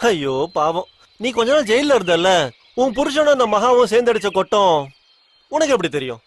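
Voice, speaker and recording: A man's voice: high-pitched, sing-song, moderate pace, slight background noise. An actor playing a scheming, taunting male kidnapper in a TV serial who laughs often and mixes in English words, with music behind. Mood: gloating. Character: mocking male kidnapper villain, scheming and gloating. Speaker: villain in a TV serial. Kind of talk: TV serial acting.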